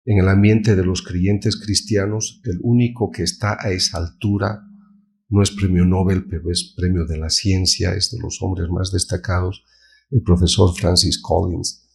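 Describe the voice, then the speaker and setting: Guy giving a faith-and-science lecture, low dark voice, kind of husky. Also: level tone, measured pace. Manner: earnest, preacherly, rhetorical questions. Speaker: symposium speaker. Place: conference hall.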